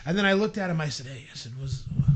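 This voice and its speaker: A man tells a story in a relaxed podcast chat. He acts out what people said and shouts at the peaks. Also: on the high side, very fast. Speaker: podcast co-host.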